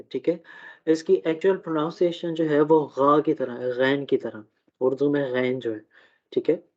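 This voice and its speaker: A man teaching a live online German class, who talks slowly, checks in often and uses many fillers. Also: a little high. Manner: slow, repeats "theek hai" often, fillers. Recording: dull lo-fi audio.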